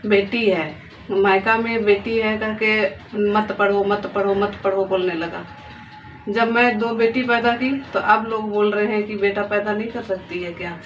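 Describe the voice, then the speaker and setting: Earnest mother in her thirties, pleading personal testimony, faint background noise on a dull recording. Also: medium pitch. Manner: pleading, heartfelt, repeats phrases. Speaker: vlogger and mother of two daughters. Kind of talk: emotional personal testimony to camera. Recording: distant, dull lo-fi phone audio with faint noise.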